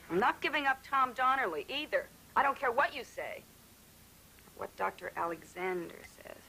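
A defiant, witty ward patient with a creaky, gravelly voice, 1970s TV movie. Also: female voice, mid-range voice, sharp tone, a little hiss or hum, low-quality recording. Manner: sardonic, defiant, emotional. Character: bitter, witty woman in psychiatric ward. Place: hospital ward room.

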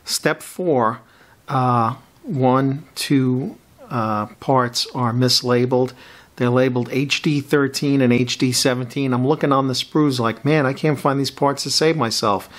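A man in his fifties hosting a casual model kit build review from a home hobby room, talking in a relaxed, chatty way with many fillers. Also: mid-range voice, unhurried. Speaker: scale model builder, channel host.

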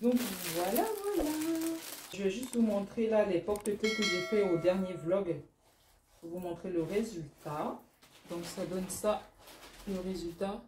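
A young woman chatting casually in a vlog, excitable and full of fillers and repeated words as she unpacks her orders. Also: medium pitch, a little slow. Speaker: small-business vlogger. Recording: echoey room with loud rustling noise. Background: crinkling packaging and clicks.

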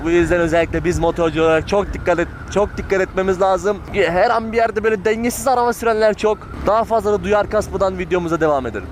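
Male motovlogger, high voice, rambling casual delivery from inside a helmet over clear road noise. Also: fast talker, hardly any pauses. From Turkey. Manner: rambling, informal, self-interrupting. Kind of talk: casual chatty vlog while riding. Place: outdoors, riding a motorcycle through town.

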